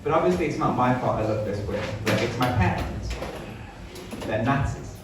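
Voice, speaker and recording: A man's voice: medium pitch, lively intonation, moderate pace. A young man from Newcastle doing stand-up comedy, in a hesitant, rambling, self-deprecating way. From Newcastle, northern England. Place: small sparsely filled comedy venue. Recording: echoey live room, distant mic, audience noise.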